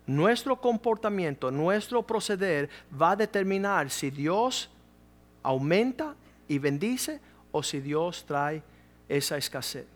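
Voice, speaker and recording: A man's voice: sits high, takes it slowly. A middle-aged man preaching a sermon as a pastor, telling stories and acting out the voices of people in them. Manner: animated storytelling, acting out quoted voices.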